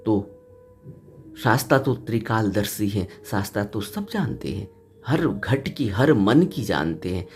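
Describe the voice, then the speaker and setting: Soft flute music accompanies a man's earnest spiritual talk in Hindi, in which he recounts a Buddhist story. Key points come with a rise in pitch, and he says certain phrases again and again to drive them home.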